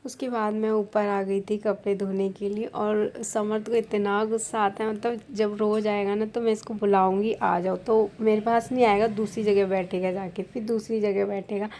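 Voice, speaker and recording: A woman's voice: mid-range voice, little pitch movement, normal speed, hardly any pauses, mellow, slight background noise. A young Indian woman, a vlogger from India, talking casually as she explains her household chores step by step. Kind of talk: casual voice-over narration.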